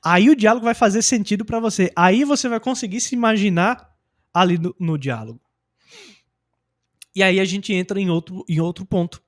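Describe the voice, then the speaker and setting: A young adult man from Brazil gives a casual, slang-filled lesson on learning English. His voice sits fairly high. He talks with lots of energy and keeps acting out example phrases. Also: normal speed. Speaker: English teacher. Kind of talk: casual teaching talk.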